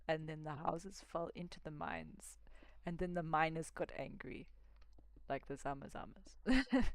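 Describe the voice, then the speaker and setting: A woman in her twenties talks her way through a video game in a chatty, unhurried manner, her voice sitting a little low. She keeps slipping into quiet whispered asides. The recording is close and dry, with no room sound. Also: no room sound. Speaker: gaming streamer. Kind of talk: casual gameplay commentary.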